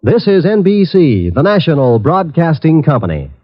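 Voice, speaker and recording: A man's voice: fairly high pitch, sing-song, moderate pace, lo-fi sound. A man announcing in a scripted 1940s radio style on an old broadcast recording. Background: clear music.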